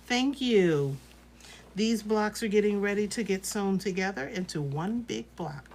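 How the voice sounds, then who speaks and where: A woman's voice: medium pitch, normal speed, vocal fry, a little mellow, a little hiss or hum. A woman teaching quilting in a casual live tutorial, chatty and reassuring as she thinks aloud while working. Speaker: quilting instructor.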